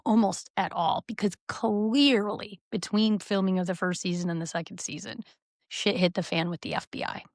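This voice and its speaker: A woman co-hosting a podcast, telling reality TV stories in an animated, gossipy way. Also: mid-range voice, gravelly, no room sound, studio quality. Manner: animated storytelling, recounting reality TV scenes. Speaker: podcast co-host. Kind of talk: casual podcast chat.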